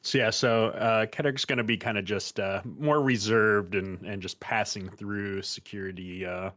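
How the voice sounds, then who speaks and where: Low-voiced stumbling tabletop player. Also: male voice, fairly even intonation, moderate pace, fairly bright tone. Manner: stumbling, filler-heavy description of his character. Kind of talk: playing a tabletop game.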